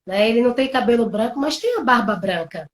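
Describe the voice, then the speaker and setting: A woman with a high voice tells a long family story on a live stream. She is animated and dramatic, and she sounds like she is on a video call. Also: fairly quick. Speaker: co-host of a couples live stream. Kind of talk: casual storytelling.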